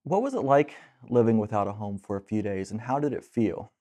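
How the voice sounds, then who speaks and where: A young man in his twenties hosting an interview, reading clear introductions and asking questions. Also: fairly low pitch, expressive, brisk, mellow. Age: 20s. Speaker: podcast host. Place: bright office room with large windows. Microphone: lapel mic.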